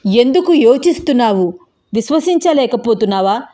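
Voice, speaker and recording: A woman voicing a young woman possessed by a stern male spirit, speaking in slow, grave, commanding warnings. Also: fairly high pitch, expressive, warm tone, natural voice.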